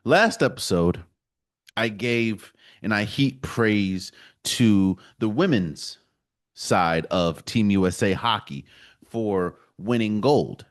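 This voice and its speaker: A man from the United States hosting a solo sports podcast, giving his opinions in an emphatic, animated way. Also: lowish voice, takes it slowly. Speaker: podcast host.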